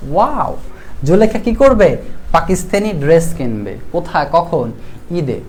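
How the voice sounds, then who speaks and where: A man's fairly high, sing-song voice has a darkish tone and moves at normal speed, with a little hiss or hum. He has a Bangladeshi Bengali accent and teaches English grammar live online. He asks and answers his own questions, reads viewer comments, and repeats the key rules.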